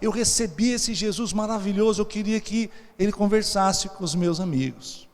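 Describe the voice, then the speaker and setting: A pastor acting as a grateful converted doctor. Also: male voice, high-pitched, moderate pace, big-room sound. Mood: earnest. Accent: Brazilian Portuguese. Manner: earnest and fervent. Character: grateful adult male doctor, newly converted.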